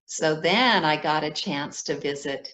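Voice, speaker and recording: An older American woman who grew up as an American child in Ethiopia, now a children's book author, tells personal stories in a talk for young listeners. Her voice sits low and a bit bright, her pace is measured, and the recording is rough.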